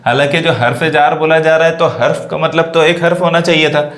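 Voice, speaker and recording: Male teacher, mid-pitched, step-by-step exam walkthrough, asks and answers his own questions, roomy echo. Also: fairly even intonation, a little fast, fairly bright tone. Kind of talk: screen-recorded exam walkthrough.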